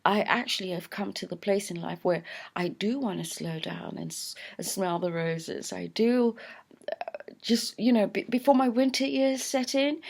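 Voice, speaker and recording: Speaking at a normal pace, this fifties-aged Londoner has a mid-range voice that's gravelly and a little mellow. As owner of the channel, she vlogs casually to a close camera framed on her mouth, musing hesitantly with lots of fillers and false starts.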